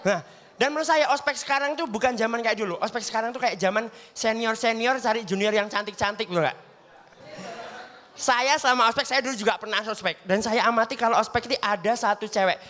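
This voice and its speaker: A young man does stand-up on a studio stage in front of a live audience, chatting away and repeatedly asking the crowd to agree with him. His voice is very high, bright and forceful, and he talks a bit fast.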